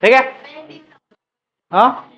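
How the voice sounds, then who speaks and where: A man's voice: drawn-out words, fairly bright tone. A man teaching a chemistry class, asking questions and repeating the answers for students to drill. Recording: muffled lo-fi classroom recording.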